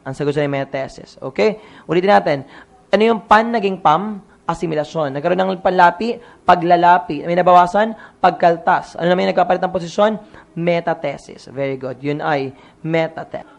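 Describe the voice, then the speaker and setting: A man's voice: a little high, normal speed, creaky. A man with a Filipino accent reviewing a Filipino grammar exam as a teacher, asking questions and answering them himself, mixing in English words.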